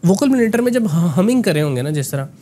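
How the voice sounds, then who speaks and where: A man giving a conversational voice lesson with a slightly raised pitch. He explains step by step, dotting his sentences with tag words and English phrases. Faint noise sits behind him. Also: sing-song, quick pace, warm tone. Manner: explanatory, mixes in English phrases, frequent "ना" tags. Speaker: voice coach.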